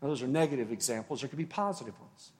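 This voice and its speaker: A man preaching a sermon as pastor, earnest and unhurried, with long pauses and words that fall away softly. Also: mid-range voice, expressive. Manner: slow, earnest preaching with long pauses and soft drops in volume.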